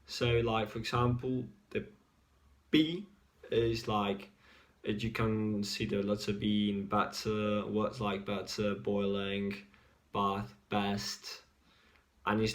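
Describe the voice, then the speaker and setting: Man, Spanish accent, casual teaching, flat delivery, slow and deliberate. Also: on the low side. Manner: relaxed, repeats example words slowly. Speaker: English teacher. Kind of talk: casual language lesson.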